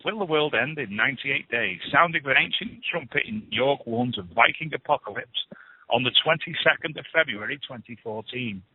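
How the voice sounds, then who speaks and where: A man's voice: mid-range voice, animated, fairly quick, breathy edge, no echo. A man hosting a radio show, reading paranormal news with chatty, scoffing asides. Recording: phone-like lo-fi radio, dry.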